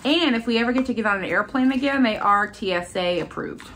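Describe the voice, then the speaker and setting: Showing off her shopping finds in a haul video, a middle-aged American woman talks casually and with enthusiasm, her voice stuffy and congested. She speaks a little fast at a fairly high pitch with a fairly bright tone. There's a little hiss or hum, and she's in a furnished room in her home.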